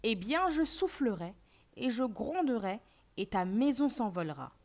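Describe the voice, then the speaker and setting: A woman's voice: on the high side, very animated, a little slow, a little mellow, exaggerated voice. A woman voicing a hungry male wolf in a storybook reading for learners, coaxing and threatening.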